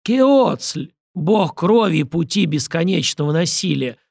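A man voicing a hoarse reanimated dead man, a menacing fanatic who rasps and hisses his words slowly. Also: on the high side, big pitch swings, a little mellow, no echo, studio quality, voice pushed up, full character voice. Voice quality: rasping, hissing. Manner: slow, drawn-out with clacking teeth. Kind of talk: audiobook character voice.

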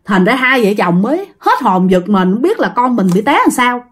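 A woman's voice: fairly high pitch, very animated, moderate pace, slightly rough. A woman narrating a ghost story in a chatty way, speaking directly to listeners.

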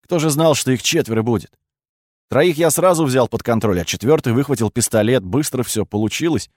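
A man's voice: mid-range voice, animated, a little fast, darkish tone, no echo, studio quality, lightly acted. A man voicing a wry, unflappable young male mage hero who talks in an offhand, conciliatory way.

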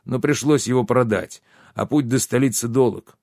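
A man's voice: mid-range voice, moderate pace, creaky, a little mellow, dry recording, studio quality. Man reading as a terse, grave wizard. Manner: terse, serious. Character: grave, reserved older male wizard.

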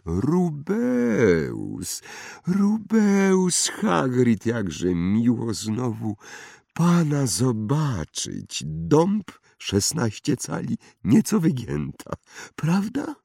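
A man's voice: medium pitch, wildly swooping pitch, vocal fry, no echo, studio quality, voice pushed up, full character voice. A man doing an eerie old wandmaker. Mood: musing hushed. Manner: slow, hushed, drawn-out musing. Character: old male wandmaker, eerie, soft-spoken, piercing.

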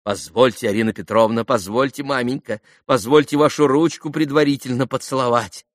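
A man voicing a servile, buffoonish, agitated middle-aged captain in an audiobook, with a shrill, fawning, theatrical delivery. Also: fairly even intonation, a little fast, dry recording, clean studio sound, natural voice.

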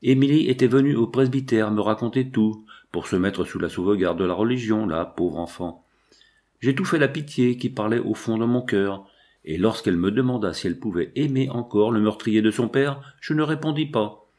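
A man reading a classic novel aloud in a measured, dramatic narration. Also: fairly low pitch, a little mellow. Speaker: audiobook reader. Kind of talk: literary narration.

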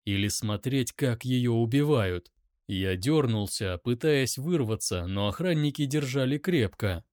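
A man's voice: medium pitch, expressive, a little slow, a little mellow, no echo, clean studio sound. A man reading first-person audiobook narration in a tense, dramatic way.

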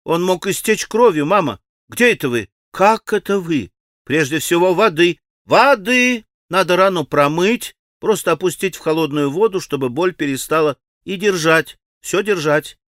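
A man voicing an impetuous, bossy teenage girl who speaks in a loud, commanding, urgent way. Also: high voice, lively intonation, normal speed, no room sound, studio quality, pitched above the performer's own voice.

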